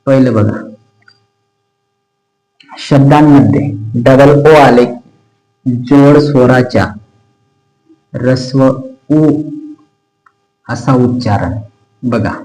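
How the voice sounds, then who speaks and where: A man's voice: medium pitch, warm tone. A man with a Marathi accent teaching English pronunciation, repeating each word and asking the learners questions. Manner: slow, repeats words and asks questions to learners. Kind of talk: bilingual pronunciation lesson. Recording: echoey room with faint music.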